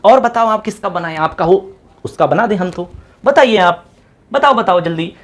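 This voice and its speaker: A male teacher giving an exam-prep grammar lesson, chanting word forms in quick runs and talking to viewers as friends. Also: high-pitched, animated, a bit bright. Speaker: Sanskrit teacher.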